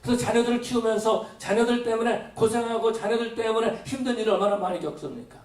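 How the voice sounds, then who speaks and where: A man's voice: very high-pitched, fast. A middle-aged male pastor with a cold, preaching emphatically and asking many rhetorical questions. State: has a cold. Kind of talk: sermon. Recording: echoey, from a distance.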